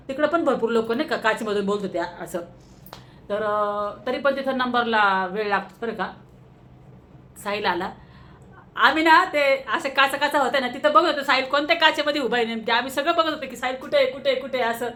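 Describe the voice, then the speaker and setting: A woman's voice: a little high, bright, forceful tone. A woman with a Marathi accent, vlogging casually about a personal matter, telling it in an emotional, rambling way with many fillers, recorded on a phone at home.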